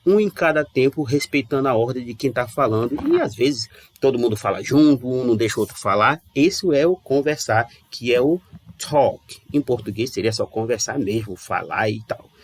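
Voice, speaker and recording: A Brazilian man gives a casual online English lesson in a chatty, expressive, mid-range voice. He repeats words slowly to model their pronunciation.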